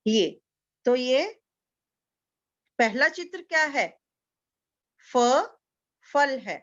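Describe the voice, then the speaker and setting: A woman teacher giving a slow, patient lesson to young children, repeating each word so they can echo it. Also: high-pitched, expressive, highs cut off. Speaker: kindergarten teacher.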